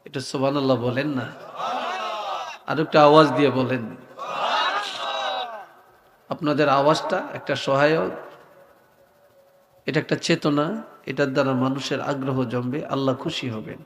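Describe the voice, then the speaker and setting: Slow, soft-spoken preacher man in an echoey hall. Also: medium pitch, fairly even intonation, crowd noise. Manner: slow, soft-spoken storytelling, sing-song chanting at times. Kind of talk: Bengali waz sermon.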